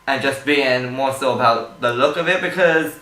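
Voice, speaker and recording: A man's voice: medium pitch, moderate pace, bright, forceful tone, roomy sound, poor audio. A man co-hosting a casual review podcast, chatty and opinionated. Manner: chatty, opinionated, many fillers. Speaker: podcast co-host. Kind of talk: casual chat.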